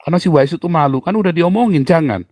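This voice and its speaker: A middle-aged man preaching a sermon to his church, animated and full of playful mock voices and sound effects. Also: quick pace, no echo. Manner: animated, jumps to high mocking tones and sound effects. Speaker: pastor.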